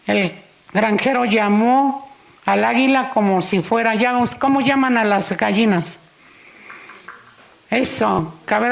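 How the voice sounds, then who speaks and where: A woman's voice: a little high, vocal fry. A woman preaching in church, unhurriedly telling a story and acting out its dialogue. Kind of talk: sermon storytelling.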